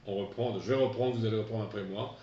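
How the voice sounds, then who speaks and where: Middle-aged male teacher, lowish voice, halting delivery, roomy distant dull recording. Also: mellow. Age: 50s. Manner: hesitant, repeats words for pupils to echo. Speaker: English teacher. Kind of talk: remote classroom lesson.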